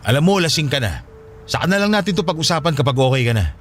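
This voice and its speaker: A man's voice: on the high side, big pitch swings, fast talker, a bit bright, soft background music. A man acting in a radio drama as a young man who pleads and keeps asking questions, then apologizes. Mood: apologetic.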